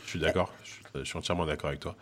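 Low-voiced fast-talking man hosting a chat. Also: steady tone. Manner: hesitant, many fillers and restarts. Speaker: podcast host. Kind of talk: casual gaming chat.

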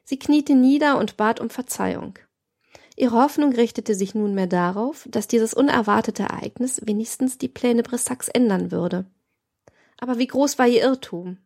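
A woman narrating a classic novel as an audiobook in a steady, even reading. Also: a little high, moderate pace, creaky. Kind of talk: scripted narration.

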